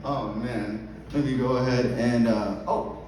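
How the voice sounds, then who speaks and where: A man's voice: medium pitch, steady tone, unhurried, darkish tone. A man performing rambling, informal stand-up with crowd work, swearing freely and breaking into giggly laughter. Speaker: stand-up comedian. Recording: very echoey club, distant mic, audience noise.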